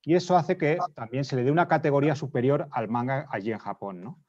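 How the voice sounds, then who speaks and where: A man from Spain with a Spanish accent, a panelist explaining his points in a casual discussion, often pausing to rephrase. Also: medium pitch, a little mellow. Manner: explanatory, restates points, frequent hesitations. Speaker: debate panelist. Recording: dull lo-fi audio.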